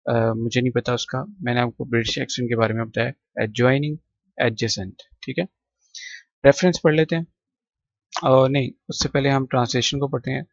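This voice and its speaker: A male teacher, explaining a textbook poem in a patient classroom style, repeating words slowly and listing synonyms one at a time. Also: medium pitch, dry recording, highs cut off. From Pakistan.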